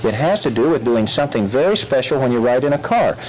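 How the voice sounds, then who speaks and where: Playing the patient straight man beside a ventriloquist dummy, a male police officer talks to schoolchildren about safety. He speaks fast in a mid-range, sing-song voice with a darkish tone, and a children's crowd makes the recording noisy.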